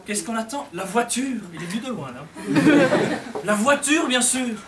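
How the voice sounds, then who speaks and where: A young man performing a stand-up comedy sketch, telling stories lively and acting out characters. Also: very high-pitched, measured pace. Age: young adult. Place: café comedy stage with audience. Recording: echoey far-off room mic, loud crowd laughter and noise. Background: audience laughing.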